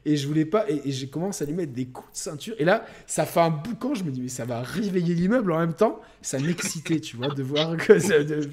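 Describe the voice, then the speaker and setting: A young man co-hosting a podcast, telling a crude story in a rambling, animated way with lots of fillers. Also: on the high side, fairly quick, few pauses. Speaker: podcast co-host. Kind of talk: casual storytelling chat.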